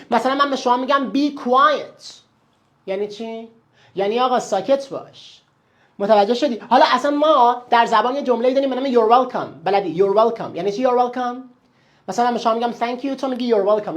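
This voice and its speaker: A woman teaching English words, often stopping to quiz the listener with short questions. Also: fairly high pitch. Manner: quizzing the listener with quick questions. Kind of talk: teaching vocabulary to learners.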